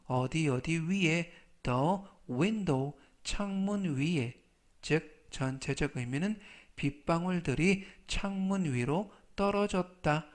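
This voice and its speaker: A man teaching a basic English vocabulary lesson, repeating each word and spelling some out letter by letter. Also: a little high. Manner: spells words out and repeats pronunciations.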